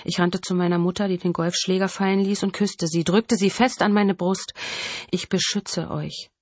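A woman reading a first-person thriller audiobook in a measured, dramatic narrating manner. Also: fairly low pitch, level tone, darkish tone, dry recording.

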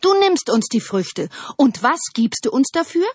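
Woman doing high pleading talking trees. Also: expressive, moderate pace, darkish tone, slightly rough, no room sound. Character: chorus of eager, complaining talking trees.

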